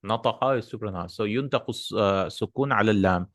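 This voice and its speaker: A man's voice: on the low side, fairly quick, a bit bright, no echo, studio quality. A man teaching a beginners' Arabic lesson over a call, switching between Arabic and English and answering students with short hums of approval. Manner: patient, corrects with short hums and yes.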